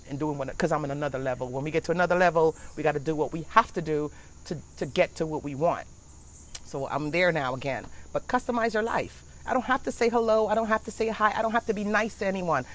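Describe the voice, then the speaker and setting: A middle-aged woman hosting a casual motivational chat outdoors in a backyard, talking in a blunt, emphatic, preachy way. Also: deep voice. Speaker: livestream host.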